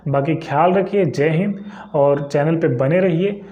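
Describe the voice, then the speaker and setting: With a slightly high voice at a measured pace, a young adult man presents exam information to YouTube viewers in a casual, conversational way, often using short tags to check understanding. The audio is dull and the room echoey.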